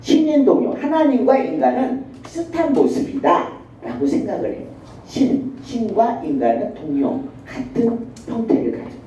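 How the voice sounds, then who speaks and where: A woman professor giving a university lecture in a classroom, animated and acting out children and mothers in her examples. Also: fairly high pitch, moderate pace, recorded from a distance, slight background noise. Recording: echoey lo-fi classroom recording from afar.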